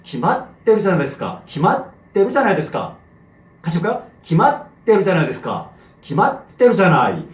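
A middle-aged man teaching a language lesson, energetic and playful, drilling phrases over and over. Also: high-pitched, a little fast. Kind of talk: animated classroom lecture with repetition drills. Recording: roomy echo.

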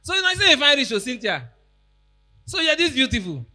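A man's voice: very high voice, wildly swooping pitch, brisk. Teasing Nigerian man hosting comedy show. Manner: teasing, playful, loud bursts. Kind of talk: stand-up banter in pidgin. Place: large tented event hall, on stage. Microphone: handheld mic.

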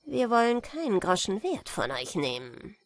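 A man's voice: high voice, huge pitch swings, no echo, studio quality, exaggerated voice. Woman playing a menacing robber chief. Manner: measured, slow, threatening bargaining. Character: calm, menacing male robber leader.

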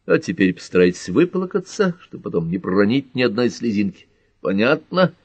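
Man doing a calm logical detective. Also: fairly low pitch, husky, dry recording. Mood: instructive. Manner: measured, instructive.

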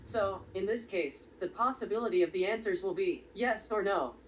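A woman presenting a step-by-step coding tutorial in a steady, explanatory way. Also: mid-range voice, normal speed. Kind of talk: step-by-step software tutorial narration. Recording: slightly distant voice with faint background noise.

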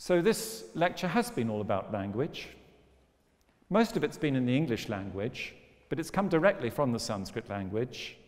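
A man's voice: mid-range voice, very animated, moderate pace. A man lecturing on philosophy in a wry, storytelling manner. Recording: long hall reverb.

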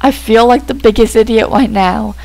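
A woman's voice: fairly high pitch, moderate pace, gravelly, a little mellow, low-quality recording. A woman hosting a let's play, muttering through gameplay commentary in a flustered, self-deprecating way.

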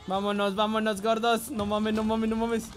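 A man with a Mexican accent giving excitable live gameplay commentary, swearing and often yelling. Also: high voice, normal speed, faint music behind. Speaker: game streamer.

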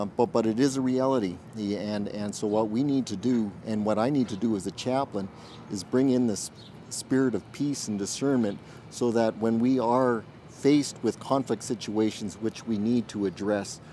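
A military chaplain and minister in his forties gives an outdoor interview in a garden, his voice low and warm with slight background noise. He comes across as earnest and thoughtful, often pausing as he searches for words.

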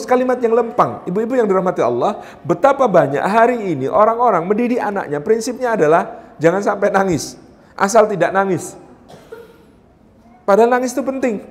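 A man preaching at a parenting seminar in a hotel hall, talking animatedly to an audience of mothers and acting out little scenes between mothers and children. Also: high voice. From Indonesia. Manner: animated, acts out mother and child voices, addresses mothers directly. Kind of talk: lively seminar talk.

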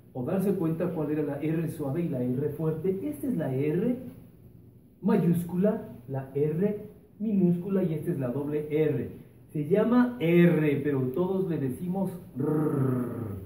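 A man, a primary school teacher giving a remote lesson to children, drawing out each sound slowly. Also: a little high, mellow, far from the mic, a little hiss or hum. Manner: slow, drawn-out pronunciation of sounds for children. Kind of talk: remote classroom lesson with a sung opener. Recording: echoey room, voice off-mic, light music.

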